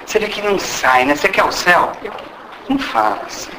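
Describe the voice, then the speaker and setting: A very animated, brisk man with a high voice and a Brazilian Portuguese accent gives a casual spiritual lecture in a meeting hall. He teases the audience, questions them, and acts out small dialogues, and the roomy recording carries background noise.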